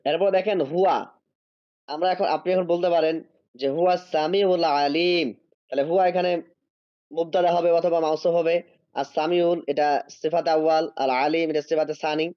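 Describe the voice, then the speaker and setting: A man's voice: a little high, steady tone, no room sound, highs cut off. A man teaching an online Arabic grammar class, explaining step by step, drawing out each Arabic word as he reads it, and checking whether students follow. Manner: drawn-out reading of Arabic words.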